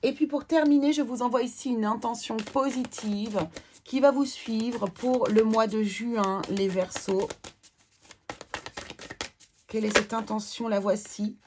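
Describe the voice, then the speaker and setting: A woman giving a tarot reading, calmly reading out card messages and pausing with hesitant fillers. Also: a little high, noisy background. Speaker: tarot reader.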